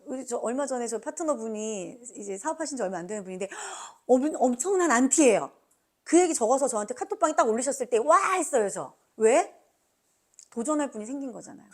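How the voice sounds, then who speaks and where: Female seminar trainer: urging motivational delivery, highly animated swings in pitch, punchy questions to the audience. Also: quick pace. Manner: emphatic, urging, asks the listeners frequent rhetorical questions; acts out quoted remarks. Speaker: motivational speaker training business team members. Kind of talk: motivational business seminar talk.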